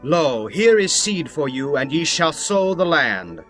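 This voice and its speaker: Voicing a powerful governor who is also an authoritative younger brother, a man speaks firmly and instructively. His voice is fairly high and a bit bright, with a sing-song quality and measured pace, over faint background music.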